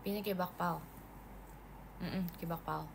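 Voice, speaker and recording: A woman's voice: fairly low pitch, fairly even intonation, a little slow, vocal fry, noisy background. A young woman chatting casually on a livestream, reading viewer comments aloud in a playful, giggly way.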